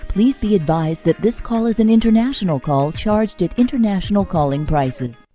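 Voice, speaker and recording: A woman voicing polished, cheerful phone system greetings and menu prompts, clearly enunciated, on a close studio mic. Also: medium pitch, lively intonation, moderate pace, dark tone, soft background music. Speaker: phone system voice-over artist. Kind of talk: scripted phone greeting demo reel.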